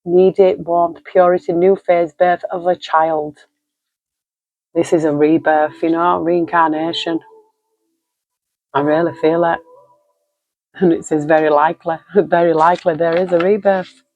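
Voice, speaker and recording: A woman's voice: fairly low pitch, level tone, measured pace, pauses often, a little mellow, highs cut off. A woman giving a spoken tarot card reading, reflective and emotional, listing card meanings aloud. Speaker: tarot reader.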